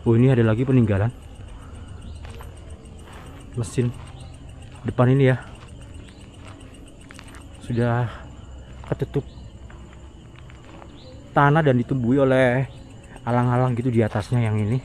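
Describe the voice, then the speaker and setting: A man with an Indonesian accent doing a casual, halting exploration vlog outdoors at night, talking to his viewers in murmured asides and exclamations. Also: medium pitch, fairly even intonation, darkish tone. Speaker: vlogger exploring an abandoned site at night. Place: outdoors in overgrown wooded area at night. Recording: outdoor night noise, insects.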